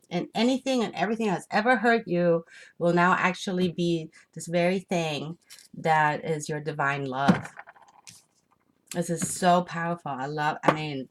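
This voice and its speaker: Excitable woman reading tarot cards. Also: fairly low pitch, slight background noise. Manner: enthusiastic, excitable, rambling. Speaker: tarot reader.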